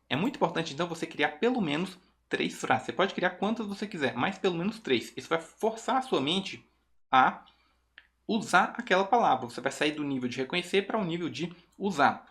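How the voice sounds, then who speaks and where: A man with a Brazilian Portuguese accent teaching English online, who explains patiently and reads example sentences slowly. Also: a little high, fairly bright tone. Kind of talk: online language lesson.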